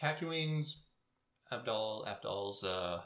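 A man's voice: on the low side, expressive, slow, a bit bright, roomy sound. A young man on a podcast who fills in plot details of an anime and adds short agreements. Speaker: podcast co-host. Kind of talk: casual chat recapping an anime.

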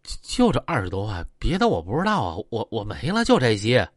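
A man's voice: medium pitch, huge pitch swings, a little fast, no room sound, clean studio sound, voice pushed down. A man voicing a timid, frightened man who stammers. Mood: scared.

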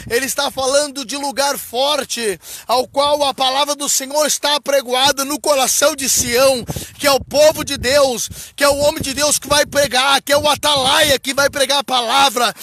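A man delivers a fervent sermon in a very high voice. His tone is bright and piercing. He drags out and shouts scripture lines and now and then slips into tongues. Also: dry recording. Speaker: preacher. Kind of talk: fervent Pentecostal-style sermon.

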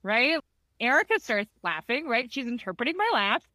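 A woman therapist telling a story in a casual conversation, animated, laughing often and acting out quotes. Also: a little high, moderate pace, no echo.

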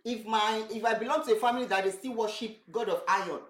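A woman's voice: fairly high pitch, quick pace, reverberant, rough recording. A Nigerian woman with a Yoruba accent, co-hosting a church talk show, earnest and searching for her words. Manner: earnest, repeats words while searching for phrasing. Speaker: co-host, pastor's wife.

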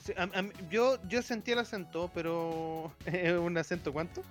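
A man's voice: high-pitched, fairly even intonation, normal speed, soft background music. A man with a Chilean accent, a podcast co-host, chatting casually and rambling through his theories with restarts. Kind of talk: casual chat.

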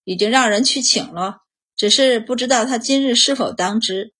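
A woman's voice: on the high side, moderate pace, a bit bright, breathy edge. A woman voicing a troubled nobleman, head of a household, in a storybook reading. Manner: uneasy, questioning.

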